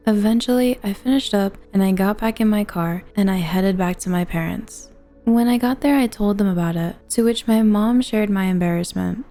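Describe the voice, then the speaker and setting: A woman's voice: medium pitch, warm tone. A woman reading first-person online confession stories as scripted narration.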